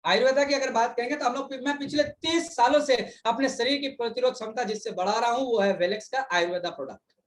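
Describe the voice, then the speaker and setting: Over a video call, a man gives consecutive interpretation of a speaker's words, restating each point fluently and in full. His voice is very high-pitched and fast.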